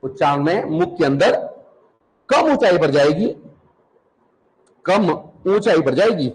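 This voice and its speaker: Slow, lively-pitched male teacher. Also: poor audio. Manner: repeats terms for students to copy, asks and answers questions, calls students 'beta'. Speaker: Hindi teacher. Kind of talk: classroom lecture.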